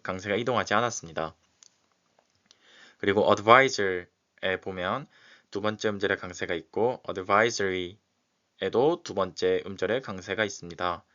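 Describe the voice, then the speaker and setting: A man teaching, who slowly and methodically explains exam questions one example at a time. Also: on the low side, fairly bright tone. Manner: slow and methodical, walking through examples step by step. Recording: dull, lo-fi recording.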